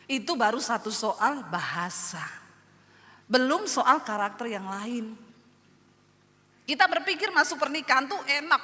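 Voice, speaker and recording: A middle-aged woman from Sulawesi preaching a humorous sermon, acting out her own and her husband's lines and laughing often. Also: a little high. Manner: animated, acts out both spouses in dialogue, laughs often. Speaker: pastor. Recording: reverberant hall with faint background noise.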